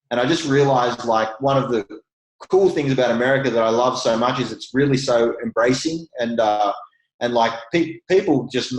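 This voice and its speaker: An Australian man talks through his real estate experience in a relaxed interview, with frequent restarts and easy laughter. His voice is mid-pitched and sits in a noticeably echoey room. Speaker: real estate investor guest. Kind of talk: casual interview conversation.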